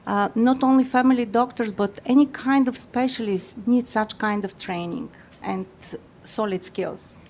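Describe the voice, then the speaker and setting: A woman makes emphatic points on a panel. Her voice is fairly high, with a warm, mellow tone. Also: moderate pace, a little hiss or hum. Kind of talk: panel discussion.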